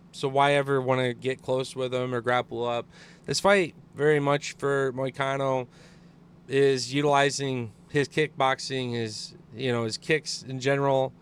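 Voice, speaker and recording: Male co-host, smooth, mid-pitched voice, blunt and profane. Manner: rambling, heavy swearing, blunt and excitable. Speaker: podcast co-host. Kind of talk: casual chat.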